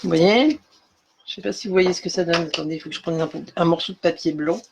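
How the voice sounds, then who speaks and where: A woman's voice: fairly low pitch, fairly even intonation, very fast, noisy background. Chatty woman demonstrating a craft technique. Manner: chatty, explains step by step with many fillers; greets and thanks viewers by name as she works. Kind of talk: live-streamed craft tutorial.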